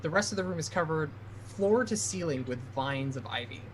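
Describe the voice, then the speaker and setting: A man's voice: fairly high pitch, expressive, normal speed, slight background noise, low-quality recording. A man running a tabletop game as game master, narrating scenes and explaining them to players.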